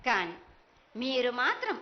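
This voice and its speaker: A woman's voice: a little high, sing-song, measured pace. A woman with a Telangana accent delivering a ritual prophecy as a mother goddess, chanting her insistent, reproachful declarations. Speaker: temple oracle. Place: temple ritual. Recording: dull lo-fi live event sound.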